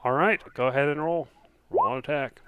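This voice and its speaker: A man narrating as game master, describing actions and dice rolls in a relaxed way with many fillers. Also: a little high, fairly quick, clear, resonant tone, no room sound, narrow, tinny audio.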